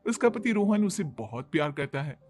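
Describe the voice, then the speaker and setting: High-voiced man narrating a kids' story. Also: big pitch swings, moderate pace, a little mellow, soft background music.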